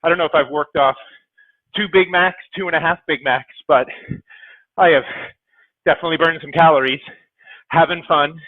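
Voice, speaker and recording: A man's voice: fairly high pitch, fairly even intonation, moderate pace, pauses often, dry recording. A man who just won a virtual cycling race, chatting modestly about the race in a post-race interview over a call. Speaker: race winner, interviewed rider. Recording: tinny phone-like call audio, dry.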